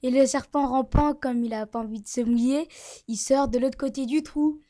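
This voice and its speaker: Woman storyteller, high voice, tale told aloud with pauses and fillers. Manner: lively, hesitant with fillers. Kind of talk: oral tale telling.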